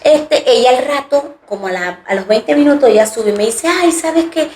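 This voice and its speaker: A woman's voice: fairly high pitch, a little fast, a little mellow, a little hiss or hum. A woman co-hosting a podcast, telling a long personal story in a chatty, rambling way and voicing the people in it. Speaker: podcast co-host. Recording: roomy echo.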